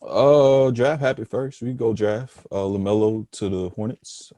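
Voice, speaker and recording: A young man co-hosting a casual sports podcast, laid-back and slow to start his points. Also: on the low side, fairly even intonation, dark tone, highs cut off. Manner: laid-back, hesitant with fillers. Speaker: podcast co-host.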